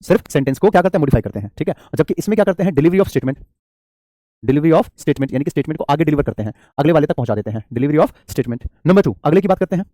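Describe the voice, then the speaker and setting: A man's voice: fairly high pitch, expressive, quick pace, warm tone, dry recording, clean studio sound. A man teaching an English grammar lesson in a classroom-style lecture. He asks his own questions, answers them, and calls the students "child" affectionately.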